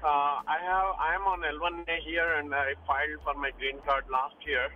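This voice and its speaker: A man's voice: fairly high pitch, flat delivery, slight background noise. Man calling in on car speakerphone. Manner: hesitant, halting, many restarts. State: driving in the rain. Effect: calling from a moving car on speakerphone. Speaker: caller to a radio advice show. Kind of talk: phone-in question. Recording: muffled lo-fi phone line from a car.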